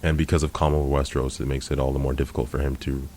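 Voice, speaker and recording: A man casually talking through a card game he played, in a relaxed and easygoing way. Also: extremely low pitch, fast, slight background noise. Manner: relaxed, easygoing, laughs readily. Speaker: player reviewing his own match.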